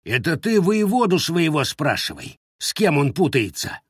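A greedy, foolish peasant, ranting and sobbing in a shrill, strained voice. The lines swing wildly up and down. The close reading has no room sound. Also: male voice, big pitch swings, takes it slowly, fairly bright tone, dry recording, full character voice. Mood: snarling. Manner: shrill, sobbing, self-pitying rants.

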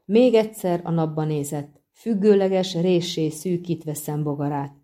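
A woman narrates a fantasy novel in a steady, measured way. Her voice is low and dark, mellow in tone. The delivery stays even across the prose. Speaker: audiobook narrator. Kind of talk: scripted narration.

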